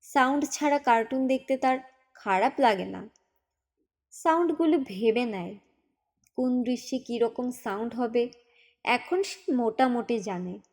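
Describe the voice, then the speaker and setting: A woman narrating a novel as an audiobook in a calm, unhurried storytelling manner. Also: fairly high pitch, slightly rough.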